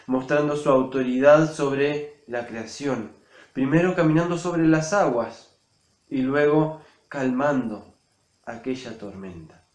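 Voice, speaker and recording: A man delivers a sermon at an unhurried pace, building and softening his voice to dramatize the story. His mid-pitched voice carries the echo of a reverberant room. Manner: expressive, rising and falling loudness for emphasis. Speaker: preacher. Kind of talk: sermon reflection.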